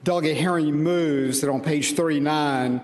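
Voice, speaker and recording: A man's voice: on the high side, normal speed. A man presiding over a legislative session, calling out business in formal parliamentary procedure. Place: large indoor legislative chamber. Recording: echoey chamber, long reverb, background noise.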